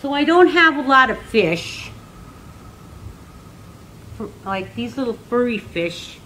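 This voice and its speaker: An older woman, an elder, slowly teaching children the names of animals and patiently repeating each word for learners. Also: fairly high pitch, very animated, sharp tone, slight background noise. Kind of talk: slow classroom teaching.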